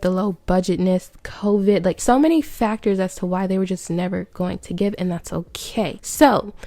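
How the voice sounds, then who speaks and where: A woman's voice: mid-range voice, warm tone, no room sound. A young woman vlogging about music in a blunt, sassy, swear-filled rant. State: out of breath. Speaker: kpop vlogger. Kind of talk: casual opinionated rant.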